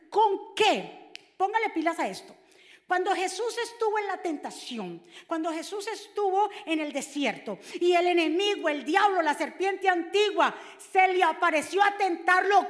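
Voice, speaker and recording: A woman preacher, delivering an animated sermon that swings from hushed asides to shouted scripture. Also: high-pitched, in a large hall.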